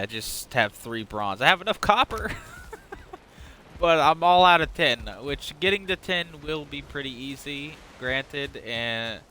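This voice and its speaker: A man's voice: medium pitch, bright, forceful tone, slight background noise. A man giving casual, unrehearsed let's-play commentary, rambling, stumbling over words and swearing now and then. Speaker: gaming channel host.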